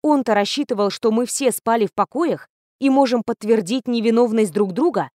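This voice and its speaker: A woman reading a first-person story as an audiobook narrator, steady and even. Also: a little high, normal speed, no room sound, clean studio sound.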